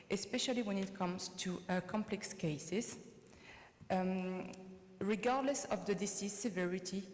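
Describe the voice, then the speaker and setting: French-accented woman surgeon, conference talk, boomy hall. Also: darkish tone. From France. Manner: reads formally, hesitant with fillers when answering. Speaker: surgeon presenting research. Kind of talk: conference presentation. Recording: echoey conference hall reverb.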